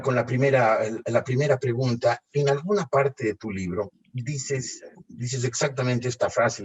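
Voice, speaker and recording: A man interviewing an author, asking measured questions over a video call. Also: medium pitch, breathy edge.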